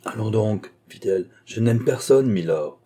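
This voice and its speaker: Guy reading a haughty fiery courtesan lady in an audiobook, low husky voice. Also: lively intonation, unhurried, dark tone. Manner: haughty, passionate.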